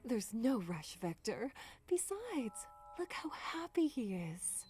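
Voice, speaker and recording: A tender, motherly game heroine, high in pitch and unhurried. She speaks with polite affection over clear background music. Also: big pitch swings. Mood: kindly. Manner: tender, soft-spoken, polite. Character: gentle, affectionate, motherly female sweetheart. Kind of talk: game voice acting.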